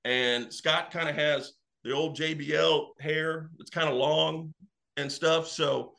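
Male guest, animated casual storyteller, bright tone, slightly high. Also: slow pace, gravelly. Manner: animated, acts out quotes. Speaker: wrestling fan guest.

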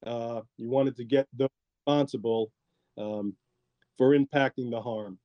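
A man, a former law enforcement officer, recounting his experience in a measured way with frequent pauses. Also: mid-range voice, fairly even intonation, dry recording, dull audio. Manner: measured, with frequent ums and asides. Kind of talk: reflective interview storytelling.

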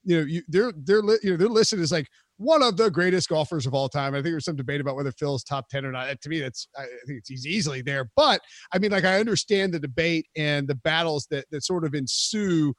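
A man with a high voice chatting as a guest on a sports podcast. He rambles through fillers and laughs easily. The sound is close and dry. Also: brisk, few pauses, fairly bright tone, no room sound. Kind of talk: casual chat.

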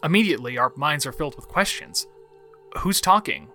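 A man reading scripted, analytical video essay narration in an articulate way, with measured emphasis. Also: on the high side, lively intonation, sharp tone, faint music behind.

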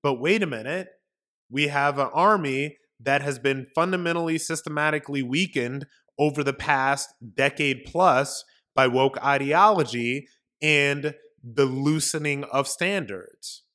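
Fairly high-pitched, bright, and pushed, a male podcast host speaks at a measured pace. His emphatic political commentary comes as a rant full of repeated points and rhetorical questions.

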